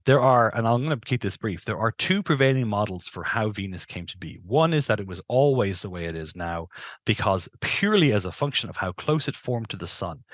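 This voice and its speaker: As an interview guest on a video call, a middle-aged planetary scientist talks into a headset, explaining carefully and qualifying his points. He has a lowish, fairly bright voice, captured in lo-fi sound without any room sound.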